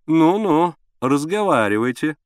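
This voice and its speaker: A stout, good-natured father teases with a sly, amused drawl, as a man reading a storybook puts him on. His pitch moves about freely. The sound is close and dry. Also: sing-song, a little slow, clear, resonant tone, no echo. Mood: teasing.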